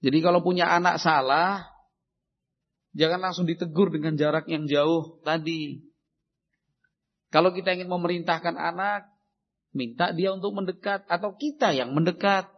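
A man preaches on raising children in a high, husky voice that has a gravelly edge. He lively acts out parents and children calling to each other. The recording is dull and lo-fi. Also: moderate pace, long pauses. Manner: animated, acts out shouted parent and child exchanges. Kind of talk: Islamic parenting sermon.

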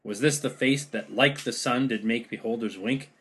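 A man's voice: mid-range voice, moderate pace, fairly bright tone, husky. A man reading the part of a grieving, mocking deposed king in an amateur play read-through, declaiming verse with wry sarcasm.

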